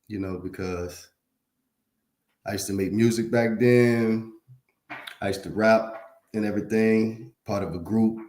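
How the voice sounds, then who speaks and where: Man from Louisiana, low voice, laid-back livestream chat, slangy, echoey room. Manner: laid-back, slangy, talks straight to viewers. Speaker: livestream host. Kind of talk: casual livestream chat reading comments.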